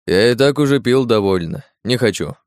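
A man's voice: medium pitch, lively intonation, normal speed, a little mellow, clean tone, dry recording, clean studio sound, lightly acted. A man voicing a tipsy, wary old village priest who speaks hesitantly in an audiobook. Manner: hesitant, subdued. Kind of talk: audiobook character voice.

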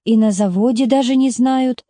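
A quiet, subdued young man speaks simply and gently, as a woman reader voices him. The voice is mellow and close in a dry sound. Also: a little high, normal speed, no echo, natural voice.

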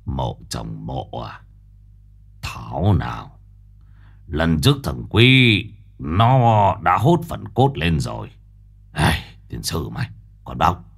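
A rough, short-tempered exorcist, as a male narrator plays him, cursing and scolding bluntly. His low voice is husky and rough around the edges, an audiobook ghost-story character through and through. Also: very animated, takes it slowly, exaggerated voice. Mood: muttering.

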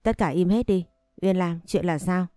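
A woman's voice: on the low side, moderate pace, dark tone, no room sound, clean studio sound, lightly acted. A woman playing a stern old grandmother. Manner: strict, commanding.

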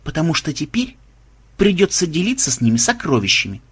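A man's voice: a little high, big pitch swings, fairly quick, breathy edge, no room sound. A man voicing a cunning, bossy young woman rogue in a storybook, speaking curtly and wryly. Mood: sour, preachy. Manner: curt, commanding, wry.

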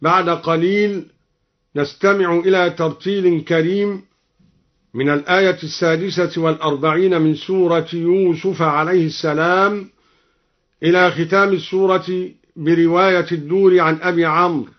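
High-voiced man chanting, old lo-fi radio. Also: fairly even intonation. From Egypt. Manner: measured formal delivery, slow melodic chanting in examples. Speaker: Quran reciter and teacher. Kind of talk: explaining recitation variants with chanted examples.

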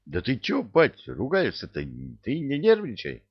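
A man's voice: medium pitch, huge pitch swings, a little slow, husky, pitched above the performer's own voice, exaggerated voice. A man voicing a meek, clumsy young soldier pleading with his father. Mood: placating. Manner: pleading, whiny. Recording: dull dry recording.

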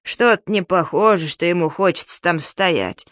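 A woman voicing a grumpy, sarcastic old man in an audiobook, grumbling slowly. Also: lowish voice, fairly bright tone, dry recording, lightly acted. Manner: slow, grumbling.

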